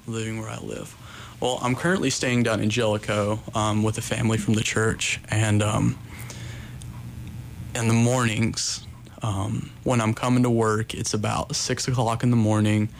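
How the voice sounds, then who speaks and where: A young man with a standard American accent speaks in a lowish, quite monotone voice. He answers casually and earnestly, rambling a little as an interview guest, over noticeable background noise. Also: moderate pace. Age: young adult. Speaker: interview guest, coffee shop worker.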